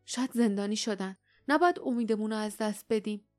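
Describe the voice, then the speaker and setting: A woman reading the lines of a stern, guarded male warrior in an audiobook, firm and steady. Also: medium pitch, soft background music, natural voice.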